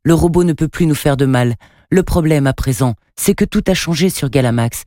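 A man's voice: a little high, normal speed, dark tone, dry recording, clean studio sound, close to an everyday voice. A man voicing a firm, matter-of-fact alien at a space station in a storybook. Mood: urgent.

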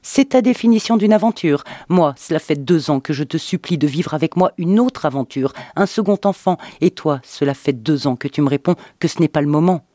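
A man voicing a bitter, furious wife in an audiobook, with a sarcastic, shouting delivery. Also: a little high, animated, a little fast, hardly any pauses, no echo, natural voice. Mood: angry. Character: bitter, furious wife, woman in her thirties. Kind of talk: dramatic audiobook reading.

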